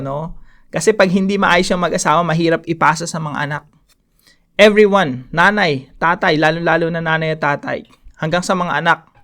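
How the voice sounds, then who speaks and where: A man's voice: a little high, fairly bright tone. Emphatic Filipino-accented preacher man. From Philippines. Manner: emphatic, mixes English and Filipino, repeats key phrases. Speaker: pastor. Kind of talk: devotional Bible teaching.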